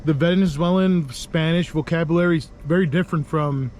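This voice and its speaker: A Puerto Rican travel vlogger talks into a handheld camera outdoors by a resort pool, rambling casually with fillers and restarts. His voice is fairly high and a little mellow, he speaks briskly, and there's a slight hiss or hum.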